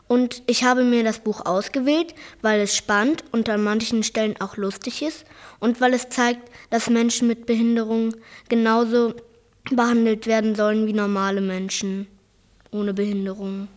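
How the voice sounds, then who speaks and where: A woman presenting a children's book and reading passages from it aloud in a lively, expressive way. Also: fairly high pitch.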